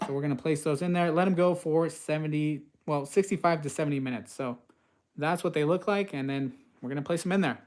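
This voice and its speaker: A man's voice: fairly high pitch, fairly quick, a little mellow. A man from the US West Coast hosting a live cast iron cooking stream, chatting casually and reading out viewer comments with many uhs. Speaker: cooking channel host.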